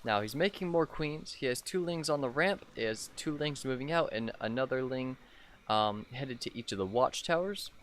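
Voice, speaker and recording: A young man with a sick, hoarse voice hosts a casual commentary of his own strategy game match. He talks in a loose, rambling way, full of ums and restarts. A faint noise sits under the recording. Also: medium pitch, animated, moderate pace. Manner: rambling with many "um" fillers. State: sick with a sore throat. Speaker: gaming channel host casting his own match.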